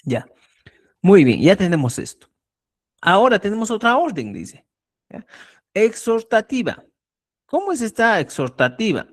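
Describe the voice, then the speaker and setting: Slow, lively-voiced language teacher. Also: medium pitch. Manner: keeps checking understanding with "¿ya?"; explains with everyday examples. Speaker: Quechua teacher. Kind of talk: online language lesson.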